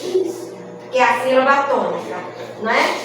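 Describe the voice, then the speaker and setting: Lady poet teaching verse, high voice, far off in a big echoey room. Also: big pitch swings, moderate pace, background noise. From Rio Grande do Norte, Brazil. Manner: explanatory, checks in with "não é?". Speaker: cordel poet and speaker. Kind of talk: lecture at a literary festival. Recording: echoey room, mic far off, music behind.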